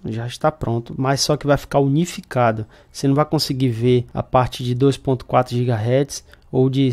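A man's voice: mid-range voice, darkish tone. Casual Brazilian man explaining router setup. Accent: Brazilian Portuguese. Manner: casual, explanatory, talks through screen steps. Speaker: computer shop owner. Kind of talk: hands-on tech tutorial.

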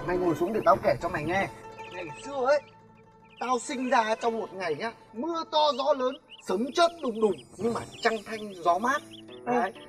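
An actor playing a boastful young village student who talks in a cocky, teasing way and tells stories quickly, with faint music behind. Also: male voice, high voice, animated. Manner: cocky, teasing, fast storytelling.

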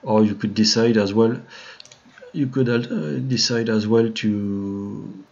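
A French-accented man leads a live-stream modeling tutorial, talking slowly in a lowish, darkish voice. He is hesitant, often saying "uh" and starting sentences over, yet friendly toward the chat. The recording sounds dull and lo-fi.

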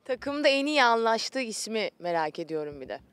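A woman's voice: a little high, big pitch swings, moderate pace. A woman asking questions as a sports interviewer, speaking outdoors into a handheld microphone. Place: outdoors on a training pitch.

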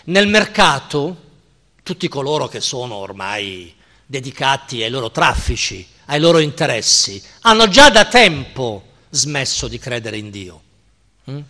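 A male philosophy professor lecturing slowly and deliberately, stressing his key words and checking in with his audience. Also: mid-range voice, big pitch swings, pushed and bright. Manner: slow, deliberate, emphatic, checks in with listeners. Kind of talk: university-style lecture. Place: lecture hall at a cultural center. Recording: reverberant lecture hall.

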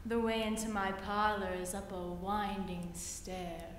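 Young woman doing a sly spider, low and slow, sweet-talking, echoey hall far from the mic. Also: flat delivery, slight background noise, close to an everyday voice. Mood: coaxing. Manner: low, soft, coaxing and drawn-out. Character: sly flattering male spider, smooth and scheming. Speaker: student reciting a poem.

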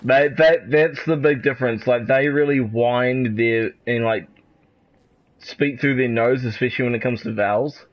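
A man's voice: mid-range voice, fairly even intonation, moderate pace. A man with a New Zealand accent chatting and laughing with a friend while they play a game. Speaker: gaming co-host. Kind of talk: casual gameplay chat. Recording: slightly dull lo-fi mic.

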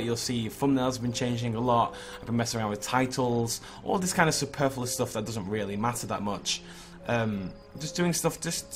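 Hungover, slightly hoarse man rambling casually. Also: mid-range voice. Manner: informal, rambling, self-critical. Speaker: gaming video creator. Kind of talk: casual vlog chat over gameplay. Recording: clearly noisy background ambience.

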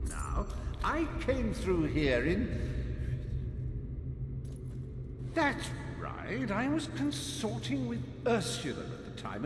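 A man's voice: high-pitched, in a large hall, background noise, full character voice. An actor playing a vain, treacherous male rogue in a video game, speaking in a pompous, theatrical drawl.

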